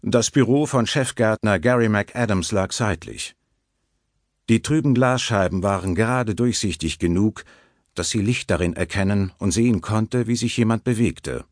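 A man narrating an audiobook in an expressive, varied reading on a close studio mic. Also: on the low side, moderate pace, no room sound. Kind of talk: scripted narration.

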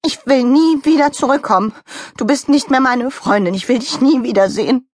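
A woman voicing a small, greedy male rabbit who whines, shouts and nearly cries in a children's audiobook. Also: high voice, moderate pace, no room sound, studio quality, pitched above the performer's own voice. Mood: tearful. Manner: whiny, shouting, near tears.

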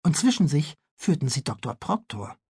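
A man reading a children's audiobook aloud in a playful, expressive way. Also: a little high, moderate pace, breathy edge, no room sound. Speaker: audiobook narrator.

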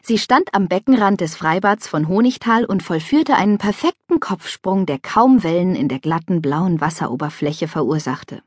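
A woman reading a children's audiobook with lively, expressive storytelling on a close studio mic. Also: on the low side, moderate pace, hardly any pauses, no echo. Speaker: audiobook narrator. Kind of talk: scripted children's audiobook narration.

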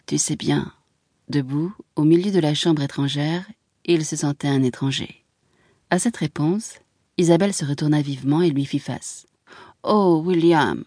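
A woman narrating a literary audiobook in a measured, expressive reading voice. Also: low voice, no room sound, studio quality.

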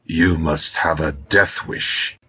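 A man's voice: extremely low pitch, steady tone, slow, sharp tone, husky, heavily acted. A man voicing a proud, hostile male harpy warrior with a rugged, hissing voice, suspicious and contemptuous. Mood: menacing. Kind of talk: audiobook character reading.

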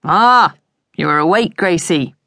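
A good-natured middle-aged husband in a storybook, teasing and self-mocking, as a woman narrator puts him on. Lower and darker than her own narrating voice, close and dry. Easygoing banter. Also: animated, a little slow, bright, forceful tone, dry recording, heavily acted. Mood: cheerful. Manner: joking, self-deprecating banter.

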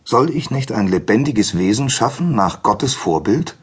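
An eager storybook god goes from creature to creature with his questions, his voice lifted and swinging widely, as a man plays him. It has a husky texture. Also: mid-range voice, a little slow, pitched above the performer's own voice, heavily acted. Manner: lively, questioning, raised voice. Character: curious, eager male god Prometheus. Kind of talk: storybook character voice.

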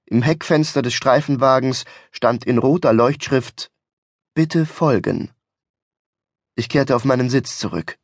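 A man's voice: medium pitch, steady tone, normal speed, few pauses, no room sound. A man narrating a comic novel in the first person in a wry, dry storytelling manner. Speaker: audiobook narrator. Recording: dry studio recording.

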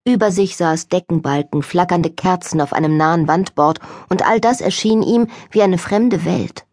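Husky, calm woman reading an audiobook. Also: fairly low pitch, moderate pace, no echo, clean studio sound. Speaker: audiobook narrator. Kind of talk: scripted audiobook narration.

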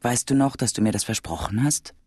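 A woman's voice: rumbling low, brisk, a little mellow, husky, dry recording, studio quality. A woman voicing a spirited, teasing young farm wife who is pregnant, in an audiobook. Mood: playful. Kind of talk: audiobook character voice.

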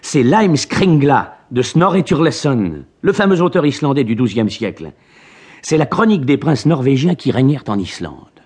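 A man voicing an excitable, irascible old male professor in an audiobook, scolding and impetuous. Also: mid-range voice, fairly quick, slightly rough. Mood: excited. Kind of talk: dramatized audiobook reading.

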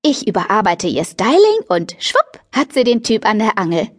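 A woman's voice: medium pitch, wildly swooping pitch, normal speed, no echo, clean studio sound. A woman reading a bubbly, fashion-crazy teenage girl who plays matchmaker, chirpy and pushy in an audiobook.

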